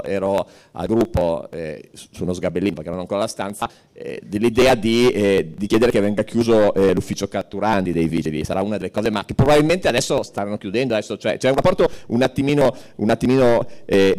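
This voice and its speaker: A man speaking as a newly elected city councillor to an assembly, halting with many fillers and restarts and slipping in wry asides. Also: on the low side, a little mellow. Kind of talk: informal political speech.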